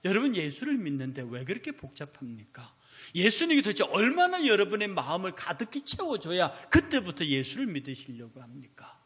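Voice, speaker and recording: Lively, bright-voiced Korean pastor preaching. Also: male voice, high-pitched, fairly quick. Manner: animated storytelling, acting out dialogue. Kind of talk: sermon. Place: church sanctuary.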